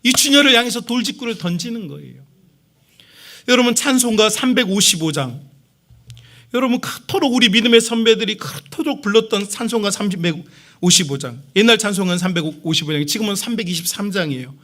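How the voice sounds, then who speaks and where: A man's voice: high-pitched, animated, fairly quick, sharp tone. A middle-aged male pastor preaching a sermon, emphatic and calling out to the congregation again and again. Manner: emphatic, repeatedly addressing the congregation.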